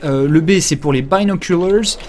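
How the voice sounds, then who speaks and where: A man's voice: a little high, normal speed, darkish tone, a little hiss or hum. A man giving casual live commentary while playing a video game, rambling and crude, joking with many fillers. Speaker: game streamer.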